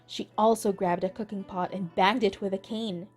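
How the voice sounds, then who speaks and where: A woman reading a children's picture book aloud in a gentle, deliberate way. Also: medium pitch, fairly even intonation. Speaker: storybook reader. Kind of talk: children's read-aloud narration. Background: soft instrumental music.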